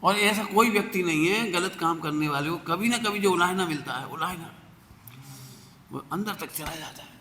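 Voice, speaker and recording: A man delivers a sermon with animated storytelling, often pausing to ask his listeners rhetorical questions. His voice sits high and sounds bright and forceful. The recording carries the long, ringing reverb of a large hall. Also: slight background noise. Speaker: Jain religious teacher.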